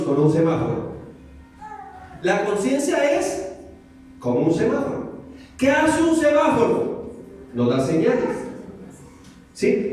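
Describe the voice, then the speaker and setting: A Colombian man preaching with a fairly high voice, throwing question after question at his listeners. He slips into little acted-out voices as he goes. He sounds far from the mic, with the sound ringing through a big echoey hall. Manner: animated, many rhetorical questions, acts out voices. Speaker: pastor. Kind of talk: lively sermon to a congregation. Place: church hall.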